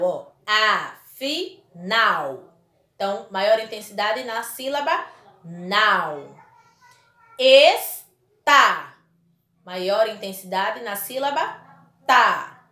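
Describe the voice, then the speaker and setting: Recorded in a roomy-sounding space, a Brazilian woman with a voice on the high side gives a primary school lesson to children. She speaks tenderly and with emphasis, stretching out the words that matter.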